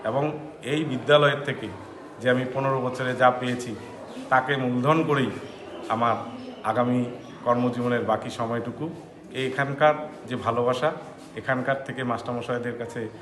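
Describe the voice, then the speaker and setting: Middle-aged guy, medium pitch, halting earnest speech in short bits, echoey and noisy. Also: fairly even intonation, crowd noise. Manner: halting, repetitive, earnest thanks in short phrases. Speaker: schoolteacher. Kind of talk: impromptu farewell remarks to a reporter. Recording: echoey, noisy on-location recording.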